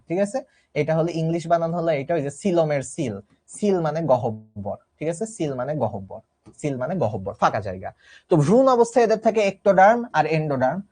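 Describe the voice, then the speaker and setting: Young man, casual tutor, animated delivery, checks in constantly with students. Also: fairly high pitch. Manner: lively, chatty, asks "ঠিক আছে?" often. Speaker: biology teacher. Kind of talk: casual online lesson.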